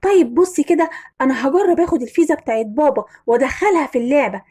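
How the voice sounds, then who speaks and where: A woman's voice: high voice, lively intonation, rapid-fire, mellow. A woman with an Egyptian accent voicing a sneaky schoolboy obsessed with a video game.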